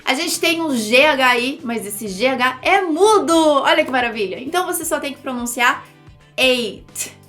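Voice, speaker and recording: Woman teaching english, high voice, unhurried, soft music behind. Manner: lively, explains with repeated example words. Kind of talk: language lesson for Portuguese speakers.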